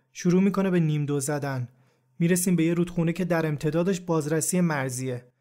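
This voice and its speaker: A man narrates a true first-person story for a podcast in an even, reflective, scripted way. His voice sits slightly above the usual male pitch, and his delivery stays calm and measured throughout.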